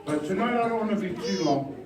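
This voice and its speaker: Speaking at a quick pace, a Samoan-born male pastor with a high voice preaches a revival sermon in a church hall, moving between quiet bilingual asides and stirring, shouted calls to the congregation. The mic is distant, the hall rings with echo, and constant noise hums underneath.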